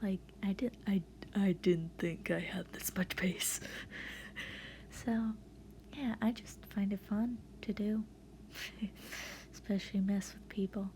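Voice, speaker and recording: Recorded as a voiceover over a speed paint, this online creator's voice acting tutorial is casual and meandering. She speaks slowly in a warm, steady mid-range voice and pauses often, with a little background noise. Her manner is hesitant and giggly, and she often makes fun of herself.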